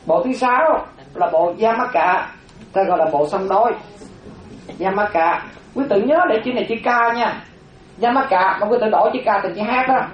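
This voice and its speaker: A Buddhist monastic teaching a dharma class, slowly repeating terms for note-taking, with chatty asides. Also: mid-range voice. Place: classroom with a board. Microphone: distant room microphone. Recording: roomy, distant, dull lo-fi room recording.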